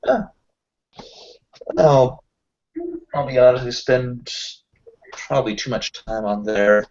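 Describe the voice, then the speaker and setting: In a muffled recording, a roleplay player improvises casual in-character talk as Kyle, an affable self-employed tech contractor. His mid-range voice is slow and a little mellow, and he explains things in a hesitant, rambling way.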